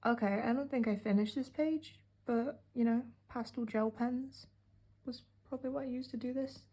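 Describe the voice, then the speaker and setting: A woman's voice: a little high, fairly even intonation, normal speed, dark tone, breathy edge. A young British woman from the UK narrating a casual sketchbook tour, rambling with many fillers and a sarcastic edge. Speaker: art vlogger.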